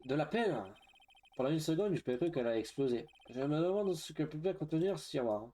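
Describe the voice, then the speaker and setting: Hesitant mellow French gamer man. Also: on the high side, animated, a little fast. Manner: hesitant, frequent filler sounds. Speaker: let's play streamer. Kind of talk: reading game dialogue aloud with asides.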